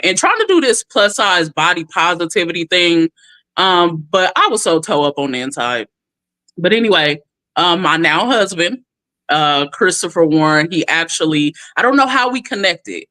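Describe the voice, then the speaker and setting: A woman's voice: low voice, no echo. A woman in her thirties from California, telling her story candidly in an interview and acting out quotes. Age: 30s. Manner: expressive, animated, acts out quotes. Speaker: guest.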